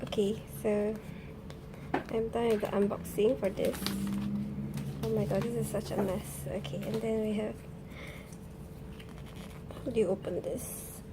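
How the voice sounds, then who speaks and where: A young woman chatting casually through an unboxing, often gushing with fan excitement. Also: mid-range voice, measured pace, pauses often, very noisy. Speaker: unboxing vlogger.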